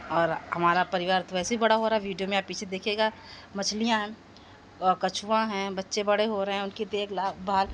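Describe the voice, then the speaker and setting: A middle-aged woman talking casually at home in a vlog about her pet dog, calling to him now and then in a high coaxing voice. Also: slight background noise. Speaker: vlogger.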